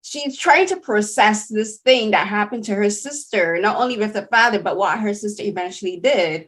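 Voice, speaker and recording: A woman from Barbados with a Barbadian accent, hosting a casual interview and telling stories in an animated, chatty way. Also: medium pitch, moderate pace. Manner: animated, chatty storytelling with many "like"s. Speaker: podcast host.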